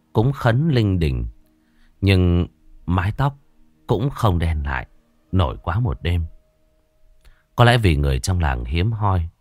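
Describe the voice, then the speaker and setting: A man with a very deep voice narrates a ghost story, dramatic and suspenseful, with slow pauses. His pitch rises and falls in lively swings. The sound is close-miked and dry. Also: no room sound.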